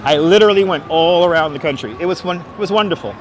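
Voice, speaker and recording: With a fairly high pitch and a fast delivery, a man in a thick Brooklyn accent hosts a live walking tour outdoors in Manhattan. His talk is loose livestream banter mixed with commentary on the streets. Clear city traffic, vehicles, and street ambience fill the background.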